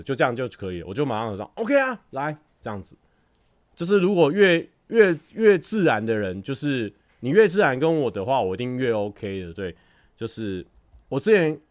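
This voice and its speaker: A man's voice: mid-range voice, dry recording, studio quality. A man hosting a livestream, telling stories casually, acting out scenes and laughing often. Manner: animated storytelling, acts out scenes, laughs often. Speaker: livestream host. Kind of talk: casual chat with viewers.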